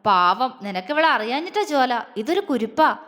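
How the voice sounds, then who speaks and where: A woman's voice: high voice, animated, moderate pace, fairly bright tone. A woman voicing a stern, protective young man in a storybook reading, talking in a clipped, firm way. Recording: long echoey reverb.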